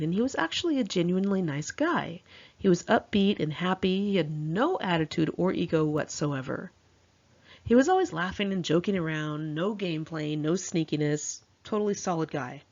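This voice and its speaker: An American woman with a low, husky, darkish voice narrates her own personal memoir. Conversational and slangy, she sounds like an author reading her informal story aloud, acting out the quoted dialogue. It's a slightly dull, lo-fi home recording.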